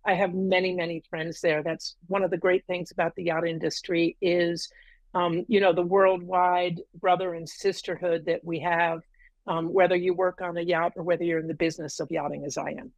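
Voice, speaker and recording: In a casual interview on a video call, a middle-aged woman in a room at home with a green wall tells her story at length, peppered with ums and uhs. Her voice is on the low side, with little pitch movement and a moderate pace, in a dry, low-quality recording.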